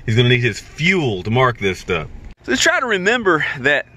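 A man's voice: mid-range voice, huge pitch swings, normal speed, bright, forceful tone. Chatty middle-aged man vlogging. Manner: chatty, explains to the camera. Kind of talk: casual vlog talk. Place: inside a car and outdoors. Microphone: handheld camera at arm's length.

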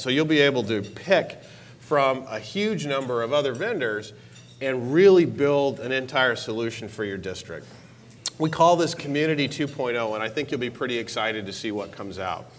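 A technology executive in his forties gives a keynote about a product release from a large conference hall stage, speaking into a lapel mic. His pitch is upbeat and enthusiastic, stressing repeated words.

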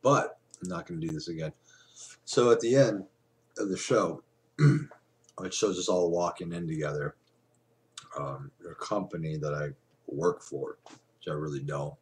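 A man's voice: deep voice, a little slow, long pauses. A man in his forties chatting casually to a webcam at home, rambling with lots of fillers and restarts. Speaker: vlogger. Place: small room indoors at home. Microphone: webcam at desk.

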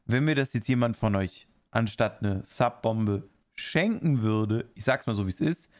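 A man's voice: lowish voice, unhurried. A man streaming live, chatting casually while reacting to a video and answering viewer chat in rambling asides.

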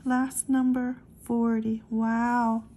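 A woman with a high, soft, mellow voice works through a stack of scratch-off tickets, reading each number aloud very slowly. She talks in an easy, casual way to the camera over her tabletop. Faint room noise sits under her voice. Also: little pitch movement. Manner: slow, calls out numbers one by one. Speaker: lottery scratch-off vlogger.

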